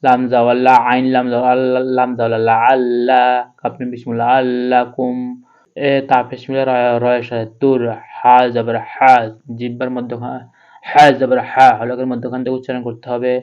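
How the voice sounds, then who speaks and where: Male Quran tutor, flat and smooth delivery, slightly dull audio; spells letters, then chants. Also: medium pitch. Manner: spells out letters and vowel marks slowly, then chants the verse. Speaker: Quran reading teacher. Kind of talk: step-by-step spelling lesson.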